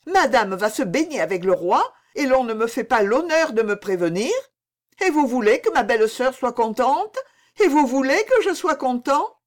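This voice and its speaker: A woman's voice: medium pitch, sing-song, a little slow. A woman reading the part of a jealous, petulant young prince who answers bitterly and indignantly.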